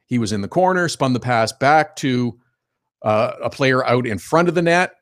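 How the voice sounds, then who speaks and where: A man's voice: mid-range voice, lively intonation, normal speed, a bit bright. A man hosting a hockey radio show, talking in a chatty, opinionated way and laughing as he tells stories. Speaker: sports radio host. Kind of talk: casual hockey radio talk.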